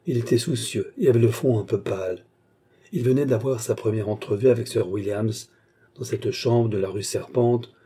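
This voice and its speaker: A man reading a classic novel aloud as an audiobook narrator, in a measured, even way. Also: lowish voice, husky.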